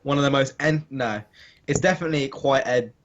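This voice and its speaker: A man co-hosting a casual chat podcast, joking and laughing, his pitch jumping into cries. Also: fairly quick, lo-fi sound. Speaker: podcast co-host.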